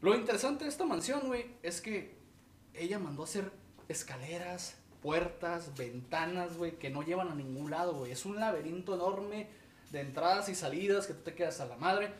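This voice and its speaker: A man's voice: sits high, moderate pace, distant mic, slight background noise. Man, Mexican Spanish accent, casual podcast host, slangy storyteller, slightly raised voice, echoey room, a bit off-mic. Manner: animated storytelling, peppered with slang fillers.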